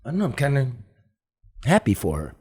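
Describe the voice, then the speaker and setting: A middle-aged man hosting a casual talk show chat, halting and restarting his sentences and laughing often. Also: mid-range voice, huge pitch swings, mellow, slightly rough. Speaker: host.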